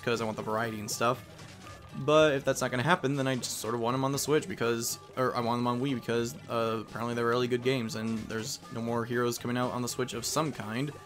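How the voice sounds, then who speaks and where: A young man rambles casually through let's play commentary. His pitch is average for a man, and game music plays faintly behind him. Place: voice-over recorded over game audio.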